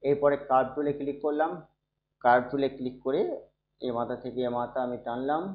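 An unwell man gives a screen-recorded computer lesson in a slow, soft-spoken way, frequently checking whether his students are following. His voice is mid-range and his delivery flat. The recording is dull and echoey, made in a room.

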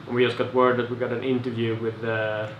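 A young man, a freelance photographer, explaining plans in a relaxed, matter-of-fact vlog style. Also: mid-range voice, brisk, dull audio. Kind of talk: casual vlog narration. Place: hotel room and outdoors at night. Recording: echoey with clear background noise.

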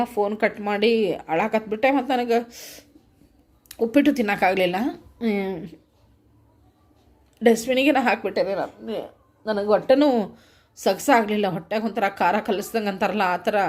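A middle-aged woman with a North Karnataka Kannada accent, vlogging and telling her viewers what happened in an earnest, heartfelt way. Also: medium pitch. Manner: earnest, heartfelt retelling, addresses viewers directly. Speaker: vlogger and home food seller. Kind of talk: casual vlog narration to viewers.

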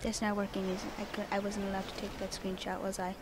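A woman's voice: medium pitch, monotone, quick pace, noisy background. A woman giving let's-play commentary at home on a cheap microphone, rambling and talking to herself, repeating her questions over and over. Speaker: gamer playing on video. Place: home room.

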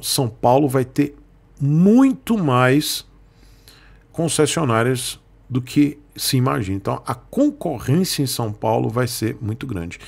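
A man from Northeast Brazil hosts his motorcycle channel from a desk in a small indoor room, explaining market news as casual commentary. His medium-pitched voice is gravelly with a darkish tone. He is chatty and explanatory, often checking in with viewers through frequent "tá, gente?" asides.

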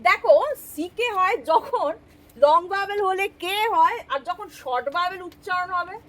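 Very high-voiced woman teaching spelling. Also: moderate pace, a bit bright. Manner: patient, explains step by step with questions. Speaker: English teacher. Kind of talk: spoken English spelling lesson.

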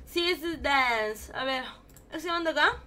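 A woman's voice: sits high, measured pace. A woman streaming live, reacting to viewer videos in an emotional, swearing, affectionate way. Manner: emotional, swears often, calls viewers "baby" and "king". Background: faint children's music.

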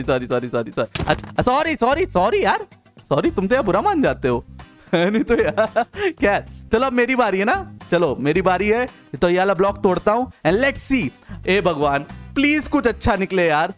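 Young male gaming host, high bright voice, playful and coaxing, soft music under the talk. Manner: playful, coaxing, quick repeated interjections. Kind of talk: excited gameplay commentary.

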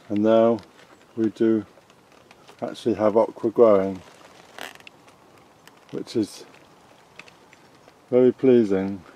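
A middle-aged British man giving a casual, chatty tour of his allotment polytunnel while filming as he walks. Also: mid-range voice. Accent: British English. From England. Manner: relaxed, chatty, unhurried. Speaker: allotment gardening vlogger. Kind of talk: casual garden tour narration. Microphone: handheld camera filming as he walks.

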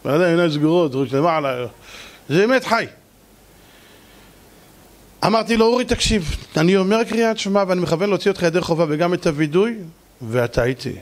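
A man, a rabbi, giving a lively sermon with stories and jokes, now and then rising almost to a shout. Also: high voice, long pauses. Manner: animated, rises to near-shouting on key points.

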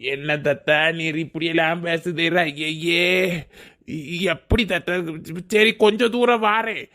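A man's voice: a little high, slow pace, sharp tone, full character voice. A man voicing a reluctant village man who stammers, with a Kanyakumari Tamil accent. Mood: hesitant. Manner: hesitant, stammering. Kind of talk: cartoon voice acting.

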